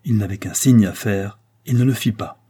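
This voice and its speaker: A man narrating a historical novel in a steady, measured manner. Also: lowish voice, slightly rough. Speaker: audiobook narrator. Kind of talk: literary narration.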